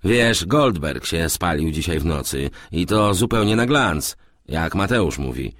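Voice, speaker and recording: A brisk, commanding factory director voiced by a man reading a novel aloud. He snaps out short orders. The tone is husky, with a lively, rising and falling pitch. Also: dry recording, studio quality, full character voice. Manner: curt orders.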